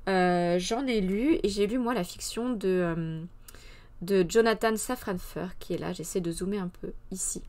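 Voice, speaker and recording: A woman talks through a casual book review on a live stream in a voice of middling pitch. She hesitates often, fills gaps with fillers and restarts her sentences, then gives her frank personal opinion. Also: normal speed, darkish tone. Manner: hesitant, many fillers and self-corrections. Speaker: host of a culture segment.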